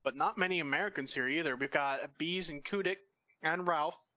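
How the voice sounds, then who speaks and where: Guy casting a shooter match, bright slightly high voice, gets hyped fast. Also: slight background noise. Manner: excitable, quick play-by-play reactions. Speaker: match commentator. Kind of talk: casual esports commentary.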